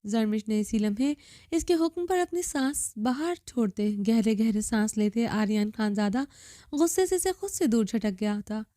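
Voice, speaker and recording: Woman narrator for a novel reading, fairly high, mellow, dramatic. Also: animated, no echo, studio quality. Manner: dramatic, measured storytelling.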